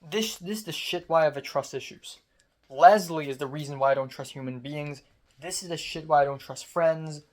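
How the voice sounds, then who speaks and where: With a sore and strained throat, a young man from Hong Kong vents in a casual late-night diary vlog. His voice is a little high, and his rant mixes sarcasm, swearing and self-mockery.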